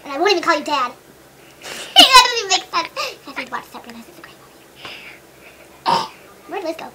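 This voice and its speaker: A woman's voice: sits high, expressive, fast talker. A young woman chatting casually and jokingly with a friend into a home camera. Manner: joking, teasing, giggly. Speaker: vlogger. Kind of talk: casual silly chat with a friend. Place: a house, indoors. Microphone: camera mic. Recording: noisy home camera recording.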